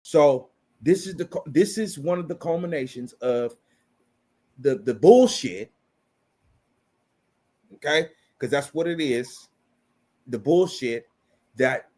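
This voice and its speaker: A man's voice: fairly high pitch, darkish tone. A man in his thirties delivering an impassioned opinion rant, blunt and profane, repeating phrases for emphasis.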